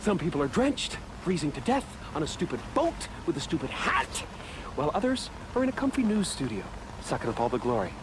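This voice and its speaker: A man's voice: on the high side, big pitch swings, fairly quick, noisy background. An actor playing a resentful male TV reporter, sarcastic and bitter, live on location. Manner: bitter, sarcastic, builds to shouting. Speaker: field news reporter. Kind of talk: film comedy acting.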